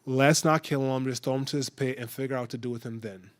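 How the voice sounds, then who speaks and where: Man playing an eldest brother cooling things down, slangy, a bit low. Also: quick pace, close to an everyday voice. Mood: calming. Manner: slangy, calming.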